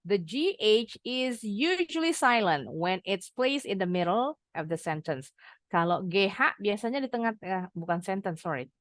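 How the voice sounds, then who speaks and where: A woman English teacher, explaining pronunciation to teens and modeling words slowly for them to repeat. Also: medium pitch, animated, no room sound. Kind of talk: online English lesson for teens.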